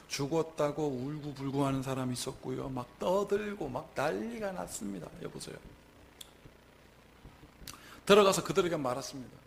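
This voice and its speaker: A male pastor preaching a lively sermon, acting out quoted lines and rising to shouts at the peaks. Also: a little high, vocal fry, slight background noise. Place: church sanctuary.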